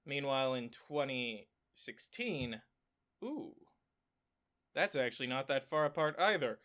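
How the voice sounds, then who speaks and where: A man with a clogged nose talking through election maps for his own channel in a casual way, thinking aloud with many fillers and self-corrections and breaking into excited exclamations. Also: medium pitch, normal speed. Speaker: political commentary YouTuber. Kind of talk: casual screen-share analysis.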